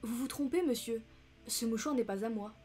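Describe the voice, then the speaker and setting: A woman's voice: fairly high pitch, normal speed, a little mellow, soft background music, lightly acted. A woman voicing a dignified young countess who speaks with composed, restrained intensity in an audiobook reading.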